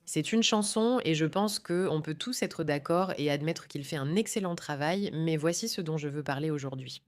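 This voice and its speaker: A woman's voice: sits low, moderate pace. A woman hosting a political commentary show, talking in an emphatic, indignant way.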